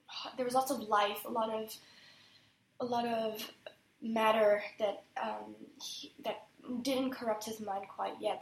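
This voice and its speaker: A woman's voice: on the high side, a little hiss or hum. A woman student answering exam questions about a poem, hesitant, with frequent restarts and fillers. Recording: echoey room.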